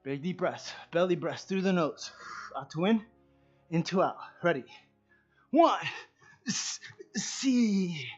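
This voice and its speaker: A man teaching a martial arts kicking class, counting reps loudly and chatting and joking with students between sets. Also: on the high side, moderate pace, highs cut off, soft background music. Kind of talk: leading a live kicking workout class.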